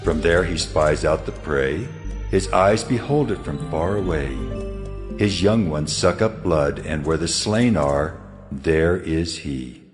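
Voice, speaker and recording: In a scripture drama, a man voices a majestic, stern God with a very deep voice, delivering lines solemnly and declamatorily through challenging rhetoric. The slow, animated, heavily acted performance carries a solemn, awed mood, with music clearly audible behind him.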